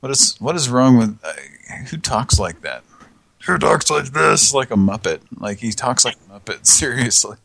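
A man's voice: mid-range voice, expressive, normal speed, hardly any pauses, a bit bright, no echo. A man hosting a comedy show, rambling with lots of restarts and laughs. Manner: rambling, stumbling, laughing often. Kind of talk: loose comedic banter.

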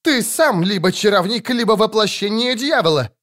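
A man's voice: sits high, animated, normal speed, a bit bright, voice pushed up. A man voicing a frantic village priest who shrieks and stammers. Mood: shrieking.

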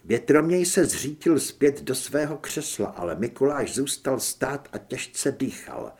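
A man narrating an audiobook in an expressive, scripted style. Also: mid-range voice, husky.

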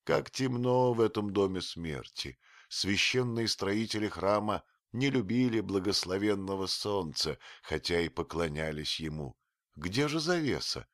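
A man reading an audiobook, voicing a very old grieving female servant who wails and scolds in a strained high voice. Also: expressive, measured pace, dry recording, clean studio sound. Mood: muttering. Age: older.

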